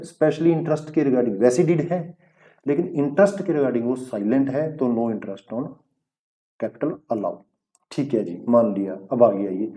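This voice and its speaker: A man teaches a recorded accountancy lesson, walking through the rules step by step and stopping to ask his students quick checking questions. His voice is very dark and mellow, at a middling pitch, and he mixes English terms into his talk. The audio is a little dull and lo-fi.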